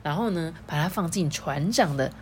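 A woman, a mother reading a children's story aloud in a playful, animated way and asking her child questions. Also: deep voice, normal speed, a little hiss or hum.

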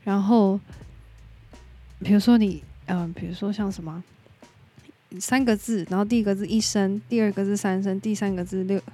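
A Taiwanese-accented woman chats on her own podcast in a relaxed, unscripted way. Her voice is mellow and warm, sitting at a middle pitch. She speaks her mind frankly and slips English words into her talk. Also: normal speed, pauses often, soft background music. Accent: Taiwanese Mandarin. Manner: candid and opinionated, drops in English words. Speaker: podcast host. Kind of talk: casual solo podcast chat.

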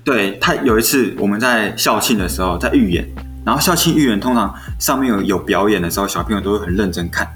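A man's voice: lowish voice, fast talker. A young man in his twenties with a Taiwanese Mandarin accent, an elementary school teacher telling classroom stories in casual chat and acting out what was said. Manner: animated storyteller who acts out quoted dialogue. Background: faint background music.

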